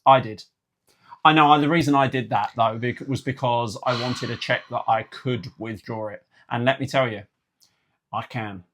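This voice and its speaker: A man's voice: medium pitch, moderate pace, a bit bright. A man co-hosting a casual vlog with his partner, telling jokey stories and acting out the other people in them. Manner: joking storyteller, acts out other people's voices. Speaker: co-host, partner of the host. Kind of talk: casual chat.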